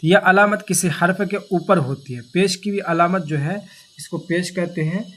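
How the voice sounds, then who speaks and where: A male teacher explaining grammar in a lesson, asking questions and answering them himself, with repeated key terms and slowly stretched example words. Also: sits high, fairly bright tone. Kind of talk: classroom-style grammar lesson.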